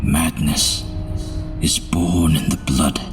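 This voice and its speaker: Under loud music, a very deep voice broods as a male actor plays him. He is a haunted, grim madman of gothic audio drama. His delivery is theatrical and very slow, sinking into hushed whispers. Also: fairly even intonation, far from the mic. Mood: grim resolve. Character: haunted asylum founder Amadeus Arkham, feverish, grim madman.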